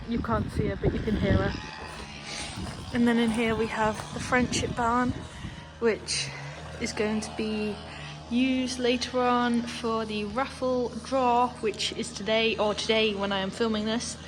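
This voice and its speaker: A woman's voice: on the high side, fairly even intonation, measured pace, over music, low-quality recording. A young woman chatting casually while she films her stable yard, rambling with joking asides. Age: young adult. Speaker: vlogger at a horse yard. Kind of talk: casual vlog narration. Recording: outdoor background noise.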